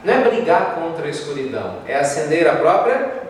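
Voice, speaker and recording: A man from Brazil with a Brazilian Portuguese accent, giving a spiritist talk as a lively storyteller in a large lecture hall. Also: a little high, brisk. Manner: lively storyteller, acts out quoted voices. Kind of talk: spiritist talk with told stories. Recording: echoey hall, distant mic, faint noise.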